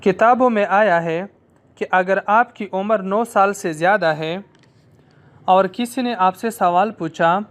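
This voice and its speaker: A man with an Urdu accent teaching a language lesson, explaining slowly and repeating phrases for students to drill. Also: high-pitched, smooth.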